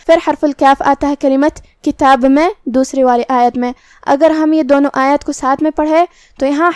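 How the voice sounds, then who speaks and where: A woman with a high voice teaches the rules of recitation, walking through each one step by step. She keeps a calm, methodical teaching pace. The recording is dry and close, with no room sound. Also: dry recording. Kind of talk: tajweed lesson explaining rules.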